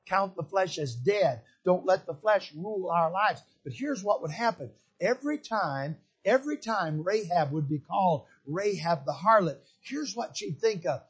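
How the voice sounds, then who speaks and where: A man preaching a sermon in a very high voice with a husky edge. He repeats his phrases for weight and builds to fervent shouting. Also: lively intonation, moderate pace, hardly any pauses, dull audio.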